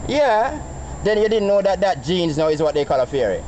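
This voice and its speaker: Jamaican male, Rastafarian street philosopher, very animated, quizzing and lecturing; noisy outdoor recording. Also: sits high, a little fast. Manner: didactic, quizzing listeners with rhetorical questions. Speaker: Rastafarian farmer.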